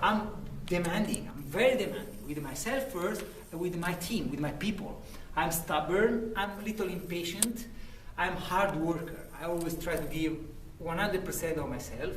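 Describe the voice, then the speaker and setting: A lecturer applicant from Italy, speaking with a thick Italian accent, gives an earnest, self-promoting sample lecture, frequently restarting his phrases. His slightly high, somewhat bright voice moves at normal speed. It's picked up from a distance in a university room, sounding roomy and echoey with slight background noise.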